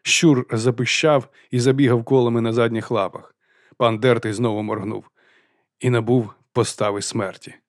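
A man narrating an audiobook in an even storytelling voice. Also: mid-range voice, normal speed, no room sound, studio quality. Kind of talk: scripted narration.

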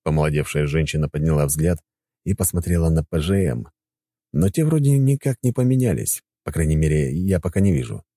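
Низкий, тёмный мужской голос рассказчика. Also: male voice, extremely low pitch, expressive, fairly quick, mellow, dry recording, clean studio sound. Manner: wry, ironic asides. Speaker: audiobook narrator. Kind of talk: first-person audiobook narration.

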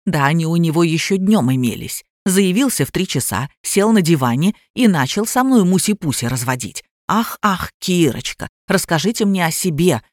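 A woman voicing a quarrelsome middle-aged mother who drinks, shrill and accusing, in a storybook reading. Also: animated, normal speed, few pauses, dry recording, clean studio sound, natural voice. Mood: hissing.

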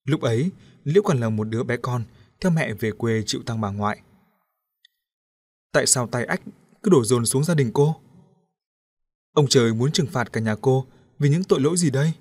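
A man narrating an audiobook story in a steady, even storytelling manner. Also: medium pitch, moderate pace, pauses often.

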